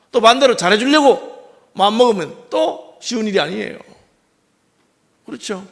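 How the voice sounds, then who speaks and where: A middle-aged man with a Gyeongsang accent preaches from the pulpit in a high-set voice. His tone is gravelly and rough at the edges, and he keeps drawing the congregation in with questions. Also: a bit bright. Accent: Gyeongsang Korean. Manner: conversational preaching with frequent rhetorical questions to the congregation. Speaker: pastor. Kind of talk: sermon. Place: church sanctuary.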